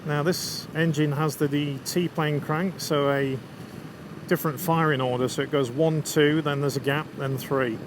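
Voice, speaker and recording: A man's voice: fairly high pitch, steady tone, a little slow. Lancashire man chatting over road noise. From England. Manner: chatty, enthusiastic about scenery and bike. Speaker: motorcycle travel vlogger. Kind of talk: casual riding commentary to viewers. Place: outdoors, riding a motorcycle. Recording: constant road, wind and vehicle noise.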